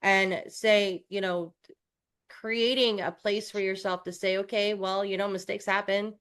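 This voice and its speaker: A woman's voice: mid-range voice, level tone, unhurried, a bit bright, smooth. Chatty woman podcast co-host from New York. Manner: chatty, self-deprecating, many restarts. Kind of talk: casual podcast chat.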